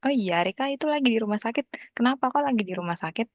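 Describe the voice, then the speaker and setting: A woman's voice: a little high, lively intonation, very fast, no room sound, highs cut off. A woman tutor chatting over a video call whose audio stutters and buffers, repeating herself to check the connection. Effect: choppy buffering video-call audio. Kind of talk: online class small talk. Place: outdoors.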